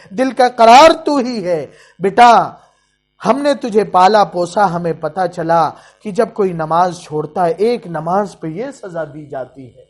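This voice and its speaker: A man preacher voicing an aging father who pleads sorrowfully with his wayward only son, in a sermon story. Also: sits high.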